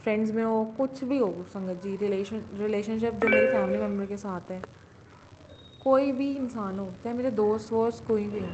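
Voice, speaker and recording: A woman's voice: medium pitch, normal speed. A young woman in her late teens giving an earnest devotional testimony. She often repeats herself and starts her sentences over. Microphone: self-recorded audio. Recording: muffled lo-fi audio with faint hiss.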